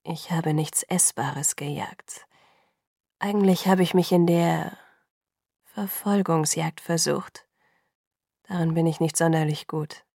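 A woman voicing a brooding young man in a whispered role-play, with a soft, low, breathy voice. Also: steady tone, moderate pace, dry recording, clean studio sound. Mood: hesitant.

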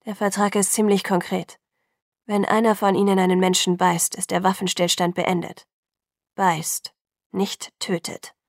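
A hostile young man who barely keeps himself in check, low and gravelly, as a woman reads him in an audiobook. His words come out tense and threatening, close and dry. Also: level tone, normal speed, no echo, lightly acted.

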